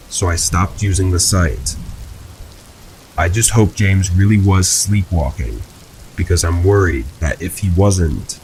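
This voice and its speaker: A man narrating first-person horror stories in a calm, even, scripted storytelling manner. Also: low-pitched, vocal fry, slight background noise, poor audio. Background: rain sounds.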